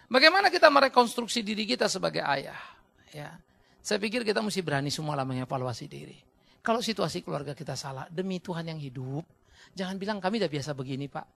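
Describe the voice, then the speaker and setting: A middle-aged Indonesian man preaching a sermon as a pastor, swinging between loud shouting and low asides, acting out quoted voices. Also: big pitch swings, fairly quick, gravelly.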